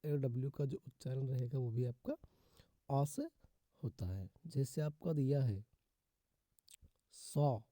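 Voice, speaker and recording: Over and over he calls his viewers "friends" as this man teaches English pronunciation in Hindi, slowly repeating rules and lingering on example words. His voice is mid-range and warm, and the recording is dry; it's a Hindi-language phonics lesson.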